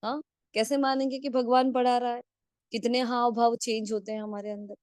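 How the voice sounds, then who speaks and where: A woman's voice: a little high, level tone, moderate pace, darkish tone, dry recording, studio quality. A woman giving a spiritual discourse on a video call, asking rhetorical questions and checking in with frequent tag questions. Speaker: spiritual class teacher.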